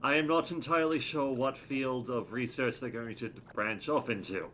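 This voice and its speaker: A man's voice: mid-range voice, normal speed, fairly bright tone, slight background noise. A man chatting casually as a tabletop player, rambling a bit as he thinks aloud. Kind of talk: casual chat.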